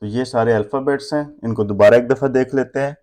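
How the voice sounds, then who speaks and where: A man's voice: medium pitch, steady tone, fast talker, darkish tone. A man teaching a language lesson, reading letters one by one and then explaining them plainly. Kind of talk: slow spelled-out language lesson.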